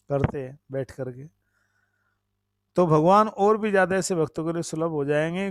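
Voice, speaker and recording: A man's voice: fairly high pitch, no room sound, studio quality. A man giving a devotional talk, conversational, repeating phrases, asking his listeners questions and thanking them by name. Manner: reads and thanks commenters by name. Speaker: preacher. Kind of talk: devotional discourse.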